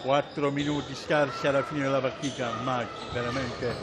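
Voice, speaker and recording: A man giving live handball commentary, pausing as he searches for names and words. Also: medium pitch, flat delivery. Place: indoor sports hall, at courtside. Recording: loud sports hall noise, bouncing balls. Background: loud gym ambience and ball bounces.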